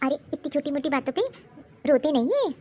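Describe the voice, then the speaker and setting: A woman voicing a caring young mother who talks in a coaxing, reassuring way, for an animated story. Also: high voice, fairly quick, pitched below the performer's own voice, natural voice. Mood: soothing, worried. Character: caring young mother, soothing her daughter.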